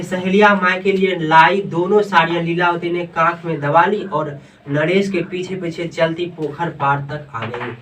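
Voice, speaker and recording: A man's voice: a little high, fairly bright tone, slight background noise. Man teaching a class, heard from afar. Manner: reads aloud then quizzes students with questions. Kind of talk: classroom lesson, reading and explaining a story. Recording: distant classroom recording.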